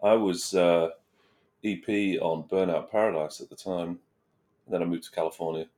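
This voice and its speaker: A man's voice: sits low, steady tone, normal speed, a little mellow. A middle-aged man with a British accent, chatting casually as a guest in an interview. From United Kingdom. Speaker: interview guest, game developer. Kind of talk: casual chat.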